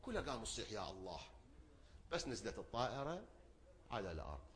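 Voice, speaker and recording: A man preaching a sermon, asking rhetorical questions, repeating phrases and swinging between loud outbursts and low murmurs. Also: big pitch swings, fast talker, slight background noise.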